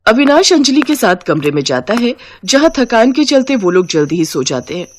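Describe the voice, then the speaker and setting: A woman's voice: fairly high pitch, moderate pace, slight background noise. A woman narrating a cartoon story and voicing the characters in turn. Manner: lively, shifts voice for each character.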